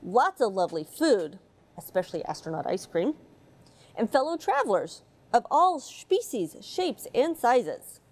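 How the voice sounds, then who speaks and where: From a space station module, a middle-aged American astronaut does a storybook read-aloud for kids, adding chatty asides between pages. Her voice is a little high and darkish, with big pitch swings and an unhurried pace.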